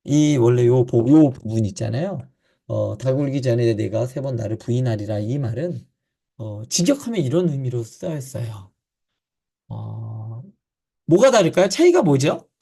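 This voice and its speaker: Speaking to church leaders, a male pastor delivers a Bible teaching in a very animated, mid-range voice that is mellow yet a bit rough, with vocal fry. He regularly raises questions only to answer them, and his talk is full of pauses and fillers.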